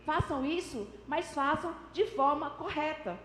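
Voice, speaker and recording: A woman delivers a sermon in a high voice, explaining scripture step by step. She acts out small everyday examples, shifting her intonation to make a point. The sound is roomy, with a long hall reverb and faint noise behind. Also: measured pace, fairly bright tone. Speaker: preacher. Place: church hall.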